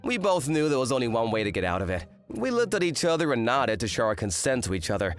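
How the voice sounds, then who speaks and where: Over faint background music, a man with a mid-range, sing-song voice talks fast in a lightly acted manga rom-com dub. He plays an exasperated eighteen-year-old student, complaining and narrating in the first person with indignant drama and a wry tone.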